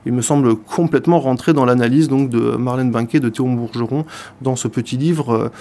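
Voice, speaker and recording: A man's voice: medium pitch, a little fast, mellow. A man giving a radio book review in speech, hesitant, full of fillers and repeated words. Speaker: radio columnist.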